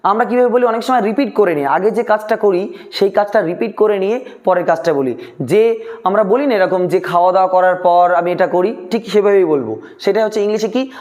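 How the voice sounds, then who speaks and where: A man teaching spoken English, dragging out model sentences slowly and coaxing students with questions. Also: high voice, a little mellow.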